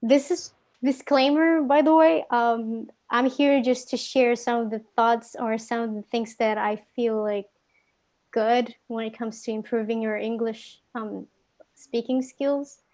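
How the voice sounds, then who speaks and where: With a slightly mellow, higher-pitched voice, a young Indonesian woman speaks at a measured pace and steady tone. She's a guest English speaking tutor with an Indonesian accent, offering casual tips in a live online class. She leans on fillers, restarts and corrects herself as she goes.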